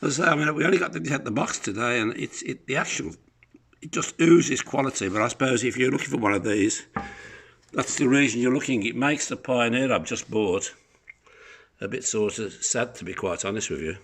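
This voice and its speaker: A private seller in the living room of his apartment records himself on a handheld phone while loosely demonstrating an item, rambling and hesitating off the cuff. His mid-range voice is creaky and fairly bright with a breathy edge, and he talks a little fast.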